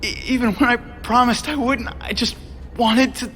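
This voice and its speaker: A man's voice: extremely high pitch, fairly even intonation, normal speed, slight background noise. A young man with an American accent, acting as a devoted, wry young superhero in a video game cutscene. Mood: desperate, grieving. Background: loud music.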